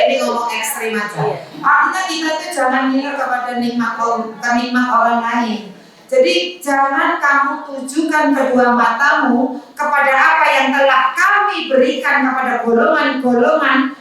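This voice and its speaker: A woman's voice: high-pitched, pushed and bright. A woman religious teacher giving a conversational study lecture, mixing in jokes and asides. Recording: echoey room, voice from far off.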